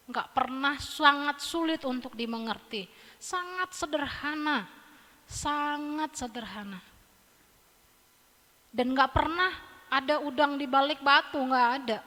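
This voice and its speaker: Lady preacher, high bright voice, lively and joking, church echo. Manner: animated, humorous, acts out voices. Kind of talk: sermon. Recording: church hall reverb.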